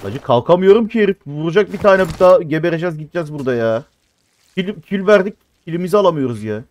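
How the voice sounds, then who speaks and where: A man in his thirties giving animated gameplay commentary, cursing and complaining at teammates as he plays. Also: fairly high pitch, fast. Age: 30s. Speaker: mobile game streamer.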